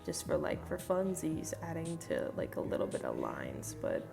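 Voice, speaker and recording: A young adult woman, probably an art vlogger, rambles casually over her art footage with plenty of fillers and swearing, recorded on a phone with music behind her. Her voice is deep, gravelly and congested, sounding stuffed-up and nasal, and her pitch swoops wildly at a normal speed.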